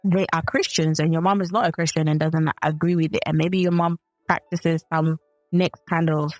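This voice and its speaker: A woman's low, slightly mellow voice stays fairly even in pitch at a moderate pace, with no echo and faint music behind. The Zambian co-host of a faith and relationships podcast, she reflects as she chats, often restarting sentences to correct herself.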